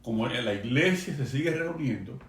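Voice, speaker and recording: A man pastor preaching a sermon to a remote congregation, earnest and emphatic, slowing down to stress key phrases. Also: mid-range voice, animated, echoey room. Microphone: video stream for a remote congregation.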